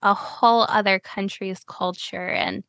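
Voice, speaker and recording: A woman's voice: medium pitch, steady tone, unhurried, creaky, bright, forceful tone, no room sound, studio quality. A woman from Cleveland, Ohio, hosting a podcast in a casual chat, friendly and full of "you know" fillers. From Cleveland, Ohio, USA. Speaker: podcast host.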